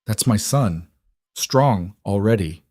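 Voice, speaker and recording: Man reading as ruthless cattle baron, clipped, low, dry close voice. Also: expressive, slow pace, a little mellow, no echo. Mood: stern. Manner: clipped, curt.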